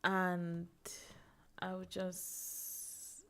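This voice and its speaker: A woman's voice: lowish voice, monotone, very slow, pushed and bright. A young woman explaining networking as a tutorial host, thinking aloud with fillers, restarts and small laughs at herself. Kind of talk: casual screen-share walkthrough.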